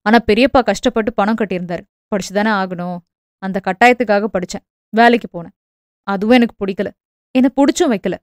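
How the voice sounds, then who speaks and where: A woman voicing a gentle young village man, a devoted son, speaking low and earnestly. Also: fairly quick, no room sound, studio quality, close to an everyday voice.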